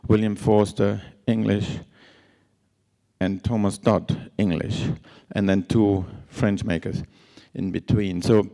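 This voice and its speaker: Speaking slowly and evenly, a man with a low, dark voice delivers a conference talk on instrument certification in a lecture hall. Travel has left his voice scratchy, and he hesitates, using many fillers and restarting often.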